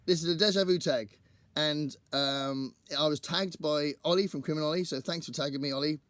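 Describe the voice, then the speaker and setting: A man hosts his own book channel, chatting casually to camera in a rambling, think-aloud way, his voice croaky from singing at a gig the night before. It sits a little high, fairly bright, and a little fast, with no echo.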